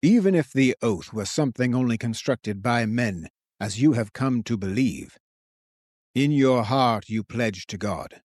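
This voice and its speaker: A man voicing an ancient resurrected king who speaks slowly and gravely in an audiobook. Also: medium pitch, animated, darkish tone, no room sound, clean studio sound. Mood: stern. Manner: slow, grave, measured. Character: ancient resurrected male king, commanding, solemn. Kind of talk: audiobook character voice.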